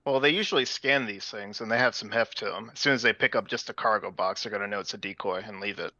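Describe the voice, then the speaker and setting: A man's voice: lowish voice, quick pace, bright, forceful tone, no echo, dull audio. A man playing a tabletop game, talking casually in character, assertive and teasing.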